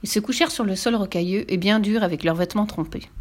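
Calm woman reading a children's story. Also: medium pitch, fast. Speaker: narrator.

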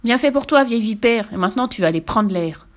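Woman putting on a little boy, impish, cheeky, storybook, high and loud. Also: fairly quick, natural voice. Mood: mischievous. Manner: impish, cheeky, higher and louder.

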